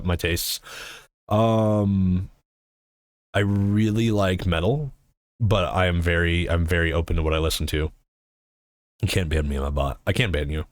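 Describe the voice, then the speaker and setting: A man streaming live, chatting casually and answering his chat in a rambling, swearing way. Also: low-pitched.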